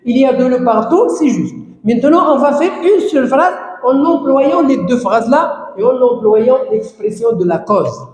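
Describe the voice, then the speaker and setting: A man teaching a grammar lesson, explaining slowly and repeating phrases while stressing key words. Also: extremely high pitch, expressive, darkish tone. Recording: echoey room, long reverb.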